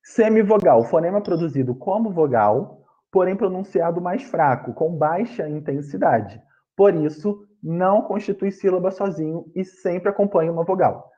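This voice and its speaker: A man's voice: high voice, moderate pace, dark tone, lo-fi sound. A man with a Brazilian Portuguese accent teaching an online grammar lesson over a video call, explaining patiently, repeating points and correcting himself.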